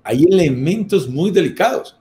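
A man's voice: on the high side, expressive, moderate pace, mellow, a little hiss or hum. A middle-aged man giving an explanatory talk on a live video in a didactic way, repeating key phrases and posing rhetorical questions. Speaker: property business presenter. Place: small room or home office, indoors.

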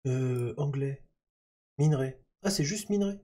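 Man, casual gaming commentary, mellow tone, chatty with fillers. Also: mid-range voice, animated, unhurried. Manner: chatty, thinks aloud with many fillers. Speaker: gaming YouTuber.

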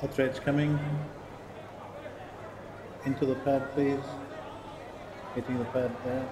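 A man acting as TV umpire, calmly giving procedural instructions to the director over the officials' feed. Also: medium pitch, takes it slowly, reverberant, crowd noise, noisy background. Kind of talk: match officials' radio talk.

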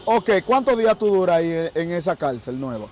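Guy doing an interview, quick reactions and questions, higher voice. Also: sing-song, a little mellow, slight background noise. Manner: short reactions and follow-up questions. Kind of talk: casual interview.

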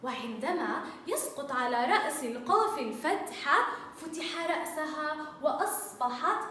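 A woman teaching a first-grade Arabic lesson to young children, encouraging them with sing-song praise and drawn-out letter sounds. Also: high-pitched, animated, bright, forceful tone. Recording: echoey, distant mic, faint noise.

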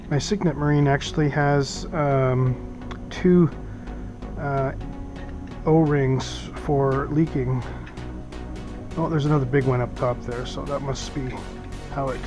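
A man's voice: medium pitch, fairly even intonation, measured pace, long pauses, music in the background. Rambling man unboxing gear on camera. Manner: rambling, thinks aloud with many fillers. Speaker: boating vlogger. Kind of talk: casual unboxing talk. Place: small office. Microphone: head-mounted camera.

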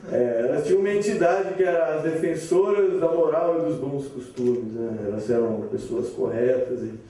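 A man's voice: on the high side, moderate pace, dark tone. Man telling a rural São Paulo tall tale. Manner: chatty, rambling, frequent asides. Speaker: storyteller. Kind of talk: comic folk tale. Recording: echoey room, distant mic.

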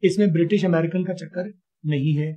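A man's voice: fairly high pitch, steady tone, a little fast, warm tone. A man from Pakistan teaching a spoken English class online, patiently quizzing a student with repeated questions.

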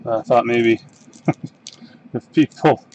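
With a mid-range, darkish voice, a Canadian box break host mumbles through card names as he slowly opens packs at a desk in his home card room. It's easygoing live-stream commentary. The audio is dull, with a little hiss or hum.

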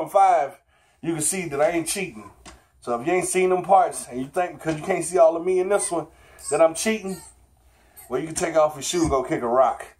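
A man's voice: a little high, a little mellow, slight background noise. A man in his thirties talking casually to the camera in a fitness challenge vlog, recorded in a bedroom. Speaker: vlogger, father. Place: small bedroom at home. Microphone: camera on the floor a short distance away.

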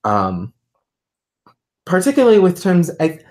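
A woman's voice: fairly low pitch, wildly swooping pitch, unhurried, a little mellow. A woman guest on a livestream, explaining ideas thoughtfully with many fillers and restarts. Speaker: guest, artist and philosophy tutor. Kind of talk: livestream conversation.

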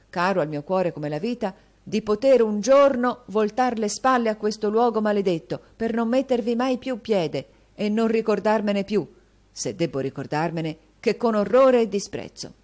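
A woman's voice: mid-range voice, darkish tone, pitched above the performer's own voice, natural voice. Woman doing an earnest young tutor. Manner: impassioned, insistent pleading. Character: earnest young male tutor, flustered and indignant.

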